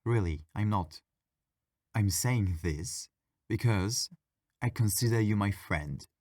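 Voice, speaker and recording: Here the same kind of ghost character, friendly, bored and mischievous, comes from a man with a lowish voice who takes it slowly. It's an intimate ASMR roleplay delivered with playful, wry, gently argumentative sincerity, captured in clean studio sound with no echo.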